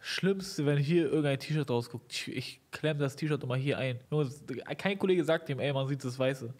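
A man's voice: mid-range voice, moderate pace, a little mellow, soft background music. A young man giving casual, mocking reaction commentary in slang, close on a desk microphone in a small room. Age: young adult. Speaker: streamer reacting to a video. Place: small indoor streaming room.

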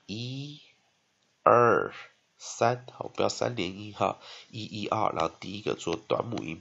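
A man's voice: sits low, gravelly, a bit bright, husky, highs cut off. A man teaching an English spelling and phonics lesson in Taiwanese-accented Mandarin, often dragging out syllables and ending phrases with "ha". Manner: drawn-out repeated syllables, frequent "ha" tag.

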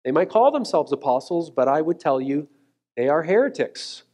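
Male pastor, 30s, on a church stage. Earnest emphatic sermon delivery, slightly high voice. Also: sing-song, warm tone. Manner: earnest, emphatic preaching with slowed key words. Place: church stage, mid-size room indoors.

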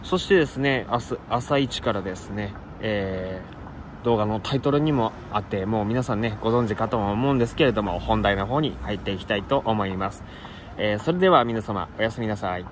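A man narrating his train trip in a polite, leisurely way, full of filler pauses, outdoors at city stations. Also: on the low side. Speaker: train-riding vlogger. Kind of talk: casual travel narration to camera. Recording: outdoor urban noise behind the voice.

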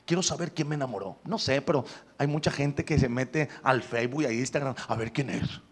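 A male Pentecostal evangelist preaches in a husky, mid-range voice at a fairly quick pace. He is loud, calling out to the congregation in call-and-response style and sprinkling in frequent hallelujahs.

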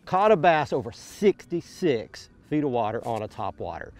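A fishing show host talking excitedly out on a lake while he reels in and releases bass. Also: moderate pace, soft background music. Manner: excitable, exclaiming while fighting fish. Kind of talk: excited on-the-water commentary. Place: bass boat on a lake, outdoors.

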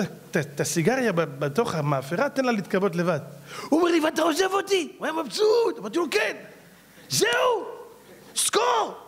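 A man's voice: fairly high pitch, darkish tone. A middle-aged man, a rabbi, telling a story in a sermon and acting out both sides of a conversation. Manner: acts out both sides of a dialogue with a salesman.

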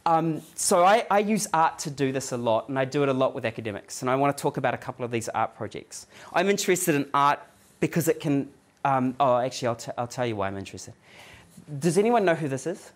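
A man with a New Zealand accent giving a conversational lecture to a live audience, often checking in with a quick "yeah?" and rambling a little as he tells his story. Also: medium pitch, animated. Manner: loose, rambling delivery with restarts and fillers. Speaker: guest lecturer. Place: office event space with a live audience.

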